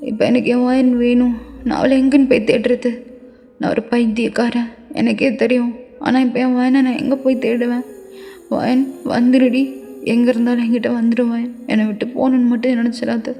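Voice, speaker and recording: A woman's voice: on the high side, flat delivery, fairly quick, vocal fry, warm tone, soft background music. A woman voicing a remorseful, hot-tempered young husband who begs his wife tearfully in a fan-made audio story. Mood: anguished. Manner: tearful begging.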